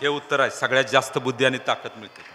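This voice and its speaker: A man's voice: medium pitch, fairly even intonation, fast talker, noisy background. A man preaching to a crowd, teasing them and asking call-and-response questions. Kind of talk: lively sermon with crowd games. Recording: long hall reverb.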